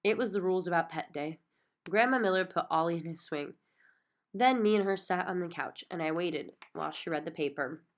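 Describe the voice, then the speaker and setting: Female reader, children's book, expressive storyteller, lower register. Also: fairly quick. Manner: expressive, childlike first-person narration. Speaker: audiobook reader. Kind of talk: reading a children's book aloud.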